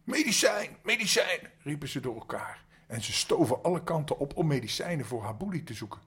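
Older man, husky, bedtime storyteller. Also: mid-range voice, animated, quick pace. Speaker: grandfather storyteller.

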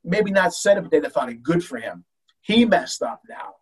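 An older man, a baseball coach, telling an emotional story in an animated way with many restarts. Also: high voice, moderate pace, slightly rough, recorded from a distance, poor audio. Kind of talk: storytelling in a talk show.

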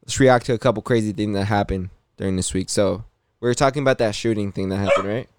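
A man's voice: lowish voice, fast talker, noisy background. A young man hosting a casual podcast chat, laid-back and swearing, full of fillers. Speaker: podcast host.

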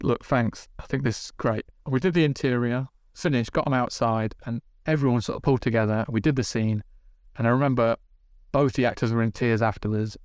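A man, a TV director, telling animated casual stories on a podcast, swearing and acting out what people said. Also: mid-range voice, dry recording, studio quality. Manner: animated, swearing, acts out dialogue. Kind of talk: casual storytelling. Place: podcast studio.

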